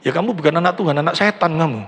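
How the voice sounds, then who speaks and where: A man's voice: fairly high pitch, rapid-fire, a bit bright, slight background noise. A middle-aged male pastor with an East Javanese Indonesian accent, preaching a conversational sermon, acting out quoted voices and asking the congregation questions. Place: large church hall. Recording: long church hall reverb.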